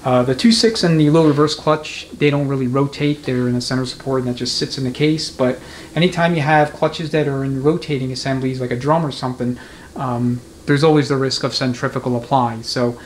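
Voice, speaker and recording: In an indoor transmission repair workshop, a mechanic gives an unscripted, hands-on demonstration, explaining each step methodically but conversationally. His mid-range voice is steady and brisk, and workshop noise is clearly audible behind him.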